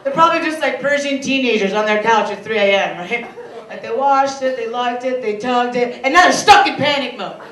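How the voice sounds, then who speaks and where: A young woman from Michigan performing a stand-up comedy set in a club, playful and animated, slipping into voices of other people. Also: on the high side, fairly quick. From Michigan, USA. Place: comedy club stage before a laughing audience. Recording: roomy, distant club recording with noise.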